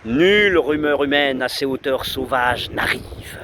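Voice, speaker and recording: On a windy seashore, under trees, a man recites a 19th-century poem while loud wind buffets the mic and the sea roars around him. His ordinary mid-pitched male voice is expressive, and he delivers the verse slowly and solemnly, with declamatory weight and long dramatic pauses between phrases.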